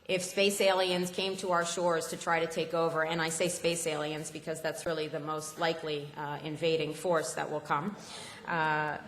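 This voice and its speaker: A woman addresses an assembly in a fervent, halting public speech, with plenty of ums and uhs. Her voice sits deep for a woman. The sound is roomy, with a long hall reverb trailing her words. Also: a bit bright. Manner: impassioned, halting with many fillers. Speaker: speaker at a political assembly.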